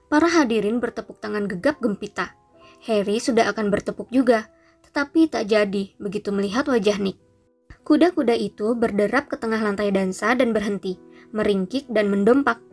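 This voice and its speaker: A woman narrating a storybook audiobook in a steady, even reading voice. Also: medium pitch. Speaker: audiobook reader.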